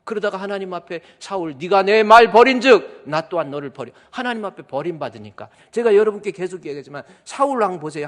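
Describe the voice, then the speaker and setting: A male pastor preaching a sermon, swinging from hushed asides to loud urgent appeals and acting out quoted voices. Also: sits high. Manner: preaching with dramatic swings, mimics voices and whispers. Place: church sanctuary. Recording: church hall reverb.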